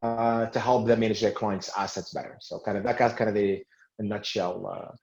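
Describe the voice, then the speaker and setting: A man's voice: on the low side, level tone, fairly quick, creaky, darkish tone, soft background music. A man in his forties, raised in Tunisia, answering interview questions about his career in finance, with many fillers and restarts. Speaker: guest, sales manager in finance. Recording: roomy, dull lo-fi sound.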